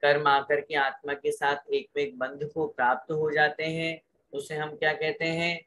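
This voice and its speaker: A man's voice: fairly high pitch, monotone, moderate pace, sharp tone. A man teaching a scripture lesson, reciting a sutra word by word and asking the class to repeat each phrase aloud.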